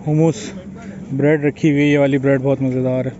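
A young food vlogger films himself on a phone held at arm's length, giving a relaxed, chatty walkthrough of an outdoor buffet at a waterfront restaurant and pointing things out as he walks. His mid-range voice moves briskly. The lo-fi audio sounds dull, with crowd chatter and a bit of hiss or hum.

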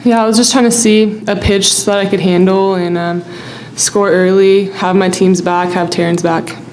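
A young woman softball player keeps her press-conference answers short and upbeat. A faint hum sits behind her voice. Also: medium pitch, fairly even intonation, normal speed, low-quality recording.

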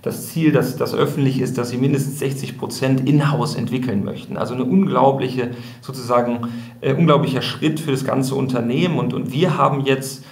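Here a man with a steady, mid-range voice talks fairly quickly as a guest on a podcast interview. He's thoughtful but full of fillers and restarts, captured in a room with noticeable echo.

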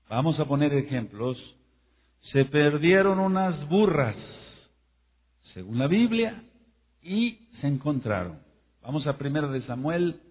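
Male preacher, sermon, husky voice, tinny phone-like sound. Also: on the high side. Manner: emphatic, rising and falling, slows to spell out words. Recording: echoey hall over a tinny phone-like line.

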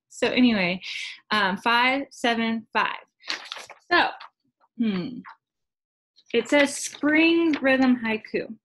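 A woman music teacher giving a patient lesson to her class, counting rhythms in syllables and often pausing with "um". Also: medium pitch, a bit bright. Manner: patient, with frequent ums.

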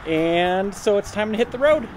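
A man's voice: high-pitched, expressive, normal speed. A man in his forties vlogging casually with dry, self-mocking humor, filming himself with a handheld camera. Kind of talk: casual vlog narration. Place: in a car and a home garage.

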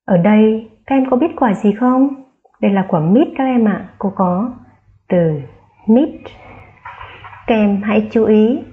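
A woman's voice: mid-range voice, narrow, tinny audio. A woman primary school teacher giving a careful phonics lesson to young children, spelling out sounds aloud and stressing key words.

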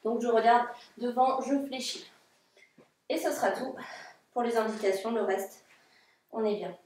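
A woman's voice: a little high, a little slow, a little mellow. A woman in her thirties coaching a home workout, motivating with short commands and counts. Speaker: fitness coach. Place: living room, indoors. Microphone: distant camera microphone. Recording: echoey room, far from mic, music.

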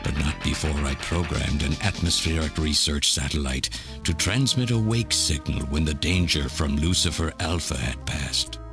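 An older mad scientist with an extremely low voice delivers a deliberate, theatrical monologue like a lonely video game villain, music playing underneath. He sounds bitter and self-justifying, his mood cold and matter-of-fact.

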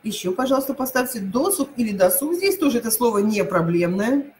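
A woman's voice: on the high side, expressive, a little mellow, slight background noise, rough recording. Hesitant woman teacher repeating words. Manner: repeats each word pair slowly, many hesitations. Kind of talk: online lesson.

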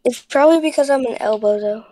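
A woman's voice: high voice, quick pace, mellow. A young woman in game voice chat, teasing and slangy. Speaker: gamer in voice chat. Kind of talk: casual gaming chat.

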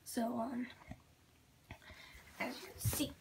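A woman's voice: a little high, steady tone, slow pace, darkish tone, a little hiss or hum. A teenage girl whispering through a casual home prank vlog, rambling with lots of fillers. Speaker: vlogger.

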